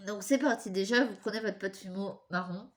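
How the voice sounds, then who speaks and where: A woman with a mid-range voice and a stuffy nose hosts a casual craft tutorial, walking through it step by step at a moderate pace. She's chatty and apologetic, talking while her hands stay busy.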